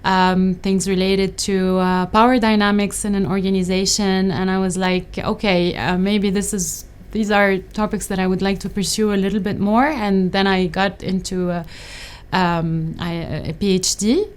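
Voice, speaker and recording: Thoughtful woman professor, smooth voice. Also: mid-range voice, little pitch movement, moderate pace. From Lebanon. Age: middle-aged. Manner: thoughtful, hesitant, many fillers and restarts. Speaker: associate professor. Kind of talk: interview answers.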